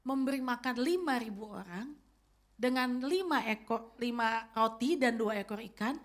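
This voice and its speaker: High-pitched lady pastor, 50s, preaching, talking right to the congregation. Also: moderate pace. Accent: Indonesian. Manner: storytelling preacher addressing the congregation directly. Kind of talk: sermon.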